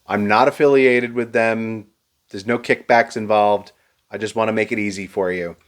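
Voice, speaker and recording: Speaking to camera, a man reviews a show, laying out prices and seating in a steady, advice-giving manner with a hint of dry sarcasm. His voice sits fairly low and moves at a moderate pace.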